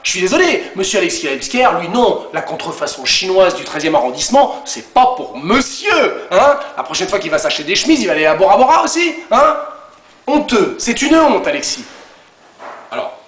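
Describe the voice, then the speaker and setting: A man's voice: sits high, big pitch swings, a little fast, fairly bright tone, echoey room. A man doing a comic recap rant as host, mocking and scornful.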